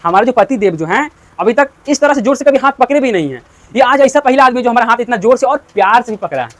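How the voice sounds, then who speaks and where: A man's voice: extremely high pitch, expressive, quick pace. A man voicing a frightened village dairywoman, pleading and repeating her complaints, retelling a story in class.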